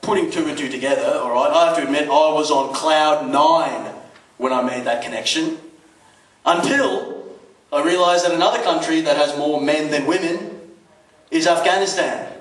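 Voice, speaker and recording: Performing stand-up on a comedy club stage, a man from Dubai keeps it conversational, full of rhetorical questions and swearing, in a slightly high voice at a moderate pace. A distant mic gives a roomy, noisy recording with audience laughter and background noise.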